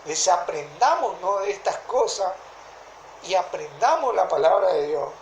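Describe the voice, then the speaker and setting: A woman with a Rioplatense Argentine accent preaching a sermon in a deliberate way, often stopping to ask whether listeners follow. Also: on the low side, big pitch swings, slight background noise. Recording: echoey room.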